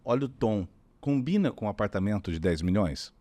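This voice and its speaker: A middle-aged Brazilian man explaining communication in a lowish voice with very lively swings of pitch. He is demonstrative and keeps acting out examples, recorded dry and close. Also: brisk, dry recording. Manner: demonstrative, often acts out voices. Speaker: communication strategist guest. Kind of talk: animated explanatory talk.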